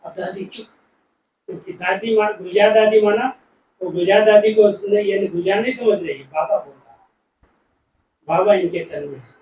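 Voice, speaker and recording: Man, high voice, devotional class talk, storytelling with quoted dialogue, distant and echoey hall recording. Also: normal speed, long pauses, darkish tone, a little hiss or hum. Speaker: spiritual speaker.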